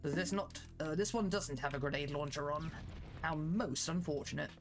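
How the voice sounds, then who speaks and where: A man's voice: fairly high pitch, moderate pace, faint music behind, lightly acted. A man voicing a hammy posh British soldier with exaggerated upper-class bluster. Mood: fussy.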